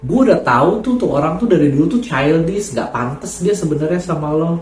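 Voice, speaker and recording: A man's voice: fairly high pitch, lively intonation, fairly quick, a little mellow, voice pushed up, natural voice. A man voicing a catty young woman friend who gossips and stirs up trouble. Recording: echoey room, faint music.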